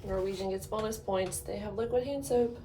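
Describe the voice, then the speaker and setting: A chatty Southern woman records a cruise vlog on her phone, upbeat and full of practical tips. Her voice sits in a normal range for a woman. The steady hum of the ship comes through clearly behind her. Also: medium pitch, brisk. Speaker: travel vlogger and travel agent. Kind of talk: casual travel vlog.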